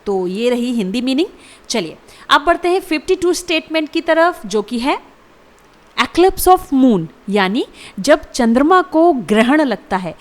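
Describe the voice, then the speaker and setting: A lively, high-voiced teacher. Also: female voice. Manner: slow deliberate spelling and pronunciation drills. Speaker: English teacher. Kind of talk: vocabulary lesson.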